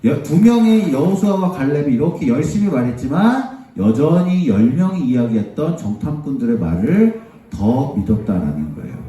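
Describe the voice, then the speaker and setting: A man preaching to a Sunday school, telling a Bible story in an animated way and acting out the people's voices. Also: medium pitch, normal speed. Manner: animated, acts out the crowd's voices. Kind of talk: children's sermon storytelling. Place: church. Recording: echoey church hall, voice from far off.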